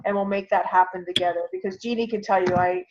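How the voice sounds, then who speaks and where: A Canadian woman teaches an informal online class, sharing her screen over a video call and talking conversationally as she thinks aloud through a demonstration. Her medium-pitched voice is fairly even and quick, and the lo-fi call audio is muffled with background noise.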